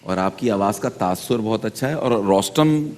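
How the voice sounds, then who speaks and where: A man judging a speech contest on a TV show, speaking in a measured way and correcting word choices. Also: fairly low pitch, expressive, darkish tone. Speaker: debate judge. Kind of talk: TV competition judging. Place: TV studio.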